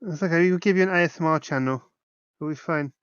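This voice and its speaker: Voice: mid-range voice, fast, smooth, no room sound, muffled recording. A player running a board game session over voice chat, teasing the others with dry banter. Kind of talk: casual voice chat while gaming.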